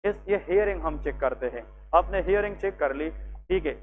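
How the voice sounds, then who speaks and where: A man with a Pakistani accent teaching a clinical skills lesson, explaining each step and checking with quick questions. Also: a little high, animated. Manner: explains step by step, mixing English terms, checks with rhetorical questions. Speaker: medical lecturer. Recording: tinny lo-fi with faint hum.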